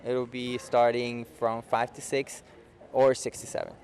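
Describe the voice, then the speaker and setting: A man's voice: medium pitch, level tone, measured pace, gravelly, darkish tone, a little hiss or hum. Man from Peru coaching, saying "okay?". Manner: explains simply, keeps adding "okay?" to check in. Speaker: youth futsal coach. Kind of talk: local cable TV interview. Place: indoor futsal facility.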